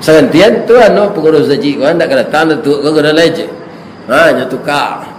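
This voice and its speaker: A man's voice: on the high side, expressive, normal speed. A man in his seventies with a Minangkabau accent, preaching a folksy sermon in a mosque that mixes proverbs with questions to the congregation. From West Sumatra. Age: 70s. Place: mosque hall. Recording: echoey mosque hall, faint background noise.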